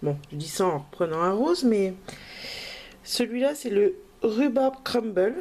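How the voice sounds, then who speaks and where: A woman's voice: medium pitch, expressive, a little slow, darkish tone. A woman crafting vlogger, talking in a casual, hesitant way with many fillers as she shows her purchases. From France. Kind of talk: casual haul video.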